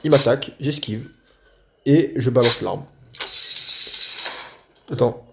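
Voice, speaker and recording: A man's voice: mid-range voice, takes it slowly, vocal fry, loud music behind the voice. Man thinking aloud over a game. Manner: thinks aloud while playing, talks to viewers playfully. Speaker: gaming video creator. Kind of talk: let's play commentary.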